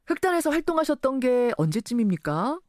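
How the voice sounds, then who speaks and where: A woman's voice: sits high, big pitch swings, a little fast, darkish tone, no room sound, clean studio sound. A woman hosting a radio news interview, articulate, restating what she hears as questions. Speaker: radio news show host.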